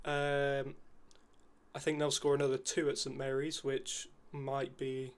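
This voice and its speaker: A man's voice: medium pitch, unhurried, clear, resonant tone. Man guesting on football chat. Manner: relaxed, frequent ums and uhs. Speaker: guest co-predictor.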